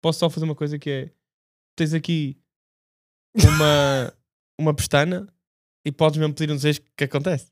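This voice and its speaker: A man's voice: a little high, fairly even intonation, normal speed. A man with a European Portuguese accent co-hosting a casual podcast in a teasing manner. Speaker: podcast co-host.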